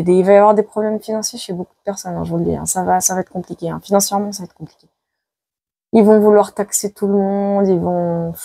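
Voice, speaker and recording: A woman's voice: mid-range voice, gravelly, warm tone, no room sound. A woman psychic giving dramatic predictions during a card-reading video, repeating her words with many exclamations and sounding worn out by the heat. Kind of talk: live tarot prediction video.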